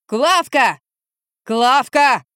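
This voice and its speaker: A woman reading an audiobook, voicing a delirious drunken middle-aged man who yells and wails. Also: mid-range voice, animated, unhurried, no echo, clean studio sound, close to an everyday voice. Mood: bellowing. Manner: hoarse yelling and wailing.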